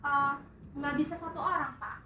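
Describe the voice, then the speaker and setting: A woman's voice: high voice, steady tone, moderate pace, bright, forceful tone, far from the mic. A woman student giving short, hesitant answers to her teacher in a classroom. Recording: echoey classroom with a noisy crowd, voice off-mic.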